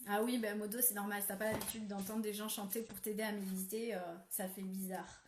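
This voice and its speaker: A woman hosting a live spiritual ritual, guiding softly and then chatting while reading viewers' comments, with many fillers. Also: mid-range voice, level tone, a little fast, background noise. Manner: soft, gentle guidance with many fillers. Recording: roomy echo.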